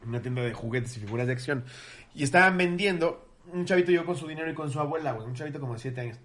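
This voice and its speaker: A man's voice: fairly high pitch, very fast. A man, a podcast co-host telling crude anecdotes in casual chat. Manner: crude, animated storyteller.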